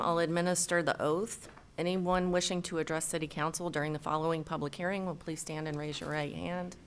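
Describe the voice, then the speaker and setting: A woman's voice: lowish voice, slight background noise. A woman working as city clerk, formally reading agenda items and legal text at a meeting. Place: council meeting room.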